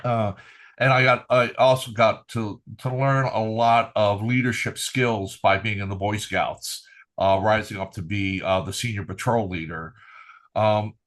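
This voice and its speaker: An unhurried, fairly low voice with a steady, slightly bright tone belongs to this older Finnish retired military trumpeter. As a podcast guest he tells loose, rambling stories full of "uh" fillers, staying good-humored all the while.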